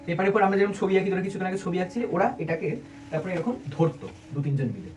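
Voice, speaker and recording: His voice sits high and slightly dark, very expressive and very fast, as this student presenter walks a small group of friends through a casual talk full of jokes and questions. The room is indoors, and the distant mic adds light room noise.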